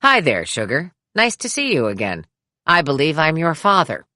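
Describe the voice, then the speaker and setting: Narrator putting on a genial older dad, folksy and dry, low-key. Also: female voice, huge pitch swings, normal speed, pushed and bright, no room sound, heavily acted.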